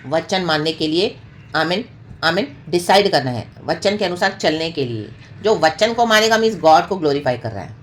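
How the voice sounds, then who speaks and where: Brief: woman preacher, fairly low voice, constant amens and hallelujahs, faint hiss behind. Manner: peppers talk with amen and hallelujah; mixes English phrases into her preaching. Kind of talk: sermon.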